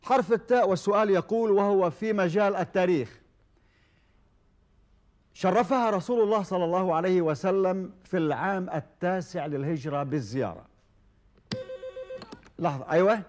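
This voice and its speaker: A man hosting a televised quiz show, formal and measured, with frequent hesitation fillers. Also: sits high, darkish tone. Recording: old television broadcast recording.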